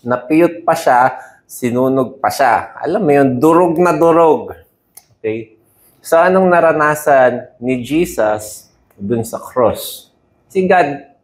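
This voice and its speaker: A man with a Filipino accent preaching a sermon in a lively, conversational way, mixing in English and checking in with "no?" and "di ba?" as he goes. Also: on the high side. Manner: animated, conversational Taglish with frequent "no?" and laughs.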